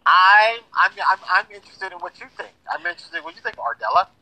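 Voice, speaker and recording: A man's voice: sits high, sing-song, quick pace, pushed and bright, dry recording, rough recording. A man guest on a casual podcast, hesitant, often repeating words and using fillers. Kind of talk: casual chat.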